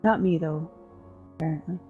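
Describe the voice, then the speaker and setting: Weary old talking dog acted by a woman, lowish, resigned and matter-of-fact, halting delivery for a fantasy game. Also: narrow, tinny audio, faint music behind, close to an everyday voice. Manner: hesitant, understated, matter-of-fact.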